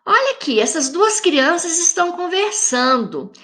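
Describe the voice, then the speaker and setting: A Brazilian woman teacher with a Brazilian Portuguese accent, giving a lesson to young pupils and stretching each example word out slowly. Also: extremely high pitch, big pitch swings, bright, forceful tone. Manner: slow, drawn-out syllables when saying example words; addresses young pupils directly, friendly teacher tone. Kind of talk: recorded classroom lesson for children.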